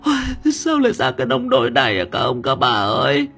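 A woman's voice: high voice, unhurried, creaky, soft background music. A woman voicing a frantic village mother who is desperately crying out for her lost daughter in an audiobook. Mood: wailing. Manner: wailing, crying out in despair. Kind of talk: audiobook drama reading.

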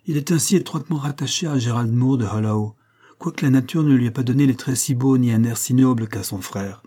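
Un homme qui lit une jeune femme douce mais ferme, la voix montée, posée et insistante, dans un livre audio. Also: male voice, mid-range voice, fairly quick, dark tone, close to an everyday voice.

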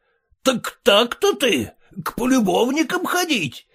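A man voicing a furious householder who shouts and rages at his servants. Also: extremely high pitch, very animated, slow, vocal fry, breathy edge, voice pushed up, heavily acted. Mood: raging. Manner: shouting, raging. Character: furious middle-aged male householder, bellowing.

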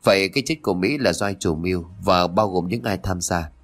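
A man's voice: low-pitched, a little fast, fairly bright tone. A man voicing a stern, formal male police officer questioning suspects.

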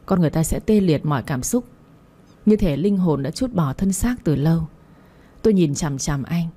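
A woman narrating a romance story in the first person with a slow, measured, melancholic reading. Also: lowish voice, warm tone, slightly rough. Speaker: audiobook narrator.

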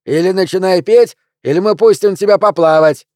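A man doing rowdy, yelling hecklers. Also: high voice, normal speed, no echo, studio quality, pitched above the performer's own voice, natural voice. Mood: jeering. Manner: yelling, jeering. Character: rowdy male hecklers in a crowd, hostile.

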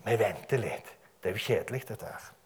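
A man voicing a scornful male devil who taunts and tempts, in a low, mocking tone. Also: animated, darkish tone, close to an everyday voice.

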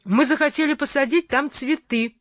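A headstrong young woman , as the reader of a storybook puts her on, talking back boldly in a raised, high voice. The sound is dry and close-miked. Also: expressive, moderate pace, fairly bright tone, no echo, lightly acted. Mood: defiant. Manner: bold, raised, defiant.

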